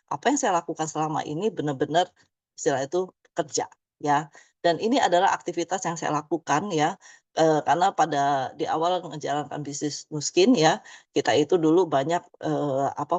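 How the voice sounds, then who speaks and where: A woman's voice: sits low, normal speed, a little mellow, no echo. A woman in her fifties giving a chatty motivational presentation, tagging many phrases with "ya". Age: 50s. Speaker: business presenter.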